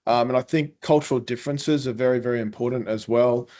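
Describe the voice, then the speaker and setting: A man's voice: mid-range voice, fairly even intonation, fast, darkish tone. A man with a thick Queensland Australian accent, giving advice as a speaker in a panel discussion. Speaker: panelist, importer in the Gulf.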